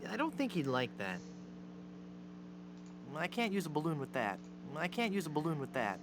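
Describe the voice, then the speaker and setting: An actor playing a hapless, earnest young adventurer and glib bluffer in a cartoon adventure game, theatrical and wry. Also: male voice, on the high side, sing-song, normal speed, noisy background. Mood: matter-of-fact.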